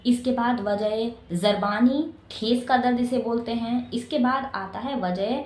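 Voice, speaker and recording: A woman's voice: on the high side, a little slow, a little mellow, reverberant. A woman giving an exam-prep lecture, explaining patiently and often checking that her students follow. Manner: explains patiently, checks understanding with "ठीक है" and "clear". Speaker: teacher.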